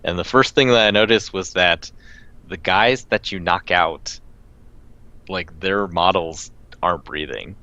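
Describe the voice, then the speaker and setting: A man with a low, sharp-toned voice speaks a little slowly as a podcast co-host in casual chat about video games. He rambles, laughs often and restarts a lot. The recording has no room sound and the highs are cut off.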